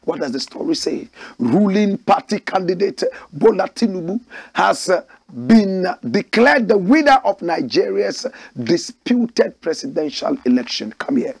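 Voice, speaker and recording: A male commentator reads a news story aloud and breaks in with emphatic, preachy asides, often answering his own rhetorical questions. His voice sits high and swings widely in pitch. It has a husky edge and sounds dry and close. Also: sing-song, unhurried, no echo. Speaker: show host and commentator. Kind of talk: political commentary reading a news article aloud.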